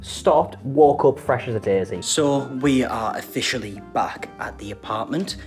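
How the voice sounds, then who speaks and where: A man's voice: medium pitch, measured pace, soft background music. A young man chatting casually in a vlog, laughing often as he shows things around. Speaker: vlogger.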